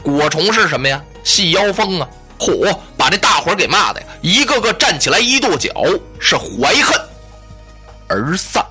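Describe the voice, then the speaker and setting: A man performing a traditional Chinese oral story in a lively, dramatic way, giving each character a voice. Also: high-pitched, moderate pace, breathy edge, soft background music.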